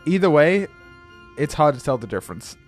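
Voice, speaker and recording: A man's voice: a little high, very animated, brisk. Giggly young man streaming a game. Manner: joking, giggly, self-deprecating. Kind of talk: casual live-stream commentary. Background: faint game music.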